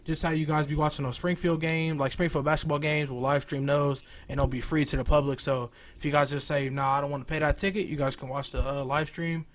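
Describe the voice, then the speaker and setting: Casual young man hosting, slightly high voice. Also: flat delivery, brisk, few pauses. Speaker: host. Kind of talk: casual live stream chat.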